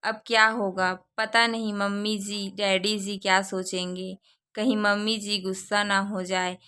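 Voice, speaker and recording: A woman's voice: mid-range voice, flat delivery, a little slow, sharp tone, smooth. A woman voicing an anxious young newlywed bride in a storybook reading. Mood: worried. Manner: fretful, worried.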